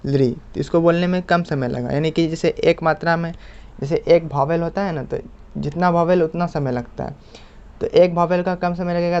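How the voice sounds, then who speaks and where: A man teaching a lesson patiently, repeating points and drawing out example sounds slowly. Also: on the high side, a little mellow, smooth. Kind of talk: explanatory lesson. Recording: muffled lo-fi recording.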